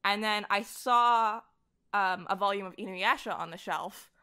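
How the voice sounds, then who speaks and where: Speaking unhurriedly at medium pitch with a sharp tone, this young voice actor and director shares personal stories as a podcast guest. She keeps the chat casual, acting out snippets of what others said, in a smooth recording.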